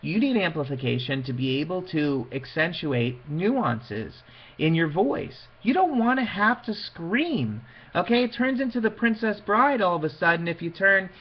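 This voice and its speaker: The sound is lo-fi as a man with a high-sitting, very animated voice lectures an audience at a moderate pace about PA systems for wedding officiants. His style is casual but emphatic, and he acts out little quoted asides to make his points.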